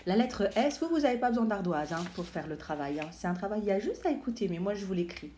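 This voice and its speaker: A woman teacher giving a lesson to young children, slowly drawing out and exaggerating each letter sound. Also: medium pitch, animated, warm tone, slight background noise.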